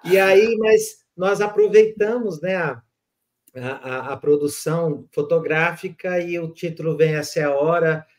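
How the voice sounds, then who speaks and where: A Brazilian man with a notably high-pitched speaking voice recounts past events on a podcast. He talks in an animated, storytelling way, often stopping to restart his sentences. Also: measured pace. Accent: Brazilian Portuguese. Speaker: podcast host. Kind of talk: casual storytelling conversation.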